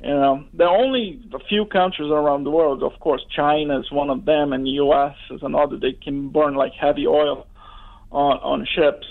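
A man calling a radio phone-in, chatting casually and haltingly with many fillers over a phone line. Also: fairly high pitch, fairly even intonation. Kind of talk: casual chat. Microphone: telephone call.

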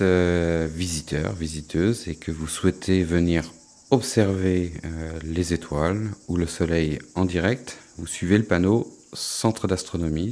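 Deep-voiced middle-aged man. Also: warm tone. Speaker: astronomy centre director and science educator. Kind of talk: interview, explanatory talk.

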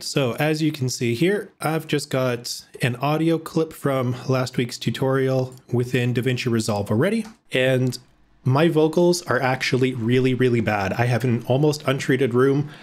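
A man in his thirties giving a casual screen-recorded video editing tutorial from a home room. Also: medium pitch. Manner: explanatory, casual, with fillers. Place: home room with blackout curtains.

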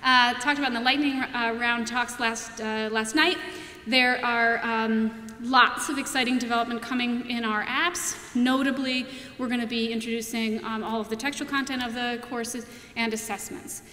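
A young adult woman with a slightly high, pushed, bright voice presents product features in a keynote, steady in tone and at normal speed, chatting casually with lots of fillers and restarts. She stands at a podium in a large auditorium; the podium mic, recorded from a far camera, yields echoey audio with long reverb and slight background noise.

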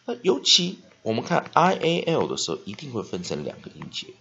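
A man teaching spelling and pronunciation, dotting his speech with "ah" and "ha" and slowly drawing out words to model them. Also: mid-range voice, wildly swooping pitch, gravelly, bright, forceful tone. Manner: frequent "ah" and "ha" fillers, slow drawn-out modeling of words. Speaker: English teacher. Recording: dull lo-fi recording.

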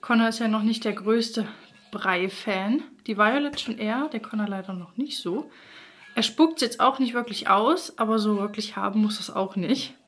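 With a medium-pitched, somewhat bright voice at normal speed, a thirtysomething mother of three casually chats for her daily family vlog. The footage comes from furnished rooms in her home, captured by a camera held or propped at arm's length.

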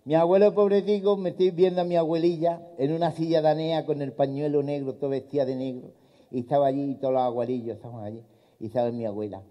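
A man's voice: fairly high pitch, fairly even intonation, fast, in a large hall. A man telling folksy jokes live on an outdoor stage, slipping into character voices. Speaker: stand-up comedian. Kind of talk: live stand-up storytelling. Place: outdoor town square stage. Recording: dull lo-fi live recording.

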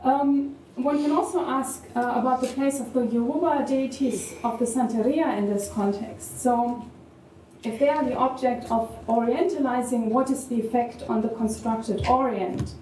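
A woman's voice: on the high side, normal speed, mellow, slight background noise. German-accented woman in an echoey hall. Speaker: panel discussant. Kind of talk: academic panel remarks. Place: university event hall. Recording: echoey room, distant mic, faint ambience.

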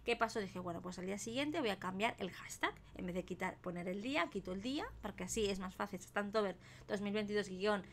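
A woman's voice: medium pitch, a little fast, few pauses, slight background noise. A young woman from Spain chatting casually on her live stream, thanking viewers by name as she tells a rambling story. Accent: Spain Spanish. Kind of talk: casual live-stream chat while colouring.

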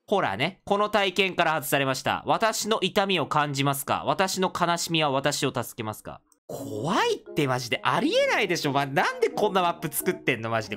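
Male let's-play host, jumpy and loud when startled, very animated pitch, faint game music behind. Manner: excitable, yelps and shouts when scared. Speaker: gaming video host. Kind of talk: casual let's-play commentary.

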